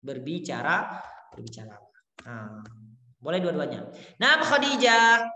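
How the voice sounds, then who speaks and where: A woman's voice: sits low, huge pitch swings, measured pace, bright, forceful tone, slight background noise. A woman teaching Arabic pronunciation to children in a class, patiently drilling words and encouraging each pupil with short Arabic praise. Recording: echoey room with long reverb.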